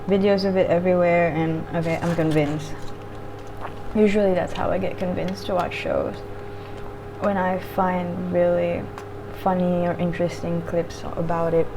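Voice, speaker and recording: This vlogger, whose voice is slightly low, reviews a show while eating on camera, her informal chatter drifting in a relaxed mukbang way. She curses casually from time to time, and noise is clearly heard in the background.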